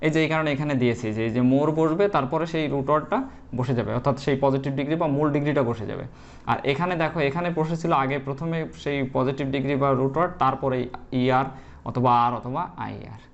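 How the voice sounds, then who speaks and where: A man's voice: medium pitch, fast, gravelly. A male English grammar teacher explaining an online class step by step, asking and answering his own questions and spelling words out letter by letter. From Bangladesh. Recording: dull lo-fi sound.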